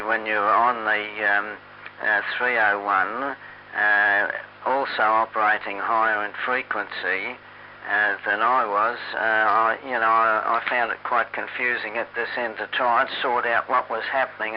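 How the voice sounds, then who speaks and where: A man talks over a slightly mistuned AM ham radio signal, and the band is muffled and narrow. His voice sits low and stays fairly flat. He pauses often and fills the gaps with "uh" and "um" while he gets his thoughts together. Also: a little hiss or hum. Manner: halting, with many filler sounds. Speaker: amateur radio operator. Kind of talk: on-air radio net chat.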